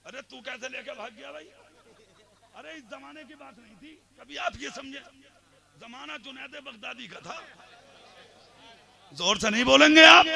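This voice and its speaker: A man preaching an Islamic sermon at a religious gathering, telling stories quietly and then shouting the climaxes. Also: extremely high pitch, creaky. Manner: swings from soft storytelling to shouted oratory.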